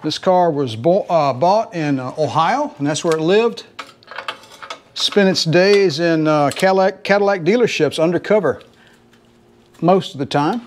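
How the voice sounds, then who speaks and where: A man's voice: a little high, unhurried, a little hiss or hum. Folksy Southern man tinkering in his garage. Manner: folksy, rambling, talks to viewers as folks. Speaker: home mechanic host. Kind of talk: casual how-to narration while working. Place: home garage, working under a car.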